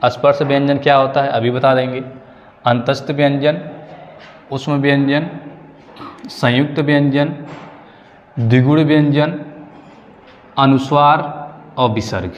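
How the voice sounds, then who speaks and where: A man giving an exam-prep grammar lesson, explaining slowly and going over key points more than once. His pitch sits in the middle range for a man, and a long reverb trails his words around the room. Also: steady tone, muffled recording, a little hiss or hum. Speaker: teacher.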